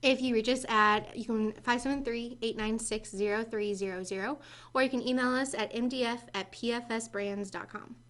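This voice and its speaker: Female co-host, slightly high voice, confident explainer. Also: steady tone, normal speed, fairly bright tone. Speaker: podcast co-host, marketing staff. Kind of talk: casual business podcast chat.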